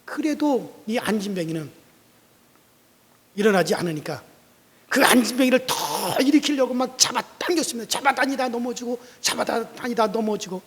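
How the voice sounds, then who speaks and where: A man's voice: extremely high pitch, animated, moderate pace. A male pastor telling a story in a sermon in a church sanctuary, vivid and dramatic. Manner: vivid storytelling, acting out quotes loudly. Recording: long church reverb.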